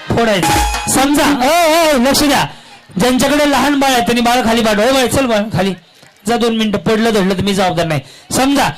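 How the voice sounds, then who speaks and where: High-voiced playful man emceeing a game. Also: brisk, low-quality recording. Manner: playful, teasing, repeats instructions. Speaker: event host running a balloon game. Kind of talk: lively crowd emcee patter. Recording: music loud behind PA voice.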